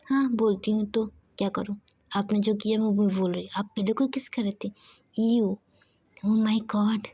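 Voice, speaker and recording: A sharp-tongued young wife, voiced by a woman narrator teases and mocks in a quick, low-key way. Her tone is mellow and fairly flat. The recording is dull and lo-fi. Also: slightly rough. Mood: teasing. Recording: dull lo-fi with faint hiss.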